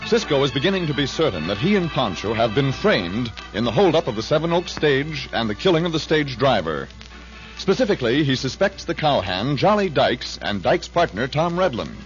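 A man with a lively, rising-and-falling announcer's voice introducing a vintage radio drama in the old radio show manner. The sound is dull and lo-fi, like an old broadcast, with organ music playing clearly behind him. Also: mid-range voice, fairly quick. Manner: polished, dramatic announcer delivery.

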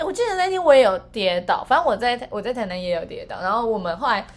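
Fast-talking woman telling a story. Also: a little high, lively intonation. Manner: rambling storyteller with many restarts. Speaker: podcast co-host. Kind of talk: casual storytelling chat.

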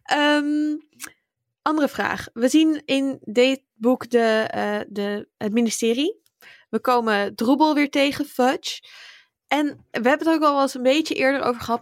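A woman from the Netherlands co-hosting a podcast, lively and asking the questions in casual chat. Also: fairly high pitch, dry recording, studio quality. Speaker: podcast co-host.

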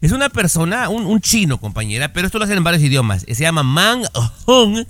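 A man co-hosting a radio show in a Mexican accent, his voice slightly high and very animated. He jokes emphatically and keeps tagging lines with a catchphrase. The sound is dry and close. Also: fast talker, no room sound. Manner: joking, emphatic, repeats catchphrases. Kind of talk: jokey radio banter.

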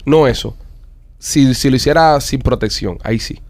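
A man's voice: mid-range voice, normal speed, a little mellow. A man hosting a casual group chat, prodding the others with teasing questions.

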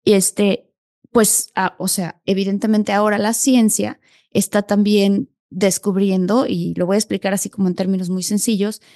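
A woman's voice: medium pitch, little pitch movement, moderate pace, mellow, dry recording, studio quality. A woman hosting a podcast who speaks enthusiastically and casually, explaining ideas in simple terms. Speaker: podcast host. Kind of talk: casual spiritual conversation.

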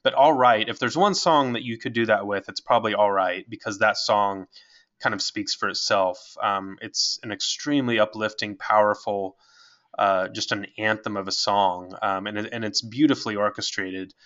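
A man's voice: fairly low pitch, steady tone, normal speed, fairly bright tone, muffled recording. A man co-hosting a podcast in a casual music chat, rambling with lots of filler words. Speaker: podcast co-host.

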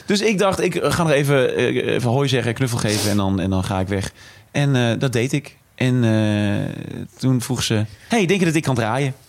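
A man's voice: medium pitch, expressive, moderate pace, few pauses. A man, a podcast co-host, telling a rambling, self-deprecating story in casual chat.

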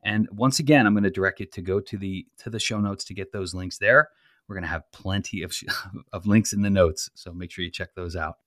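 A man hosts a podcast in a relaxed, chatty way, with a lowish voice. The sound is dry and close. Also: fairly quick, dry recording. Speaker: podcast host. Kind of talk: casual podcast chat.

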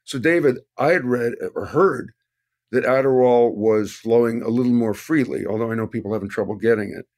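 A male podcast host chats casually with a mid-pitched voice. He sounds hoarse, as if his voice is shot from too much speaking. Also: fairly quick, a little mellow. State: voice worn out and hoarse from overuse in public speaking.

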